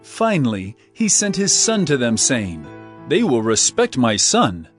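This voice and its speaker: An actor playing Jesus as a stern, authoritative teacher telling parables in an emphatic, declamatory way for a dramatized scripture recording. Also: male voice, mid-range voice, huge pitch swings, unhurried, faint music behind. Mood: solemn storytelling.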